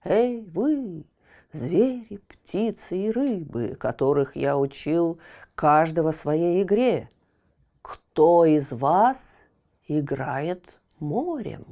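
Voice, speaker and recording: Woman voicing a slow, solemn old storybook wizard. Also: fairly low pitch, animated, mellow, exaggerated voice. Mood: commanding. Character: old male wizard, grave, commanding teacher of animals. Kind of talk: storybook character voice.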